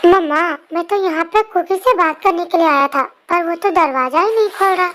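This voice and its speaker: A young performer voicing a gentle, friendly little boy who pleads softly in an amateur fan dub. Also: extremely high pitch, normal speed. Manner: soft, pleading.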